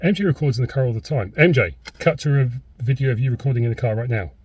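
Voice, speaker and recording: A British man with a husky, unpolished voice at an ordinary male pitch talks casually to camera as a food reviewer. He is hesitant and rambling, feeling his way through his opinions. He is recorded inside a car. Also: fast talker, a little mellow.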